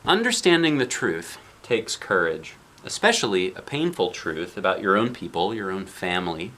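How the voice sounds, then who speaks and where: Reading a picture book to kids, this man speaks in a low, sing-song voice with a sharp tone. The storytelling is sprinkled with chatty asides as he pauses to describe the pictures and puts questions to the listener.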